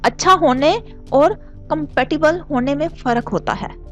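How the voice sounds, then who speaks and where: A woman's voice: sits high, a little slow, soft background music, pitched above the performer's own voice. A woman voicing an agitated young man who is angry over a broken romance. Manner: curt and agitated.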